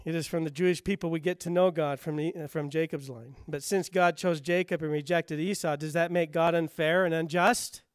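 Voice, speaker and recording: Male pastor, sermon delivery, high smooth voice, emphatic questions, dry close sound. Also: fairly even intonation, a little fast, few pauses, no room sound. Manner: emphatic rhetorical questions, rising then dropping to quiet.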